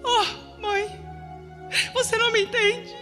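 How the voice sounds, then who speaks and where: A woman's voice: very high-pitched, level tone, music in the background, pitched above the performer's own voice. A woman voicing her tired, dramatic schoolgirl daughter who whines about pain. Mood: whiny. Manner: whining, drawn-out complaints.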